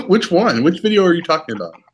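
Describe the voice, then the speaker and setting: A man on a live stream, playful and quick to laugh, making mock complaints at his friends. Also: sits high, sing-song, husky, muffled recording. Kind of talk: casual chat.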